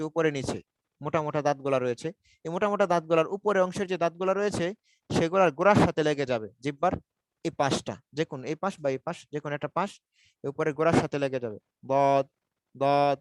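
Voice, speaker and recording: Guy teaching quran pronunciation, kinda high voice, repeats each sound a bunch, dry close mic. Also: dry recording, poor audio. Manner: repeats syllables slowly for students to copy. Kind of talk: tajweed pronunciation lesson.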